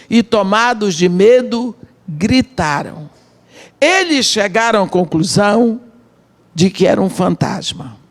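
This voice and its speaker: A middle-aged woman with a Brazilian Portuguese accent delivers a sermon at an unhurried pace. She builds the story in short phrases with dramatic pauses, like a missionary speaking to a congregation. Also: medium pitch. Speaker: missionary preacher.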